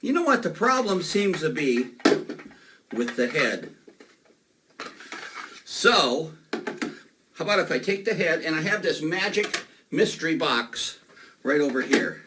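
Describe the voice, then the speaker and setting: A man's voice: a little high, sing-song, measured pace, pauses often. A man performing as a children's party magician, playfully coaxing kids with questions and exclamations, recorded on a noisy, distant microphone.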